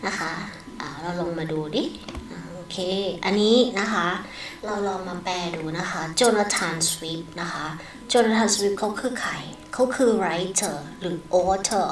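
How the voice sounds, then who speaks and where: A woman with a Thai accent teaches in an unhurried, deliberate way. She switches between Thai explanation and carefully read English words, ending most phrases with a polite particle. Her voice sounds set back from the mic in an echoing room with a faint hiss. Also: medium pitch, far from the mic. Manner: adds polite particles after nearly every phrase. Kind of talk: recorded online lesson.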